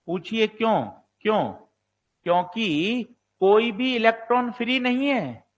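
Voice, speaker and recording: A man's voice: sits high, fairly bright tone. A man teaches physics in an exam-prep lecture. He fires questions at his students and answers them himself. Now and then he takes the student's part to voice a doubt. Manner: plays the student voicing doubts.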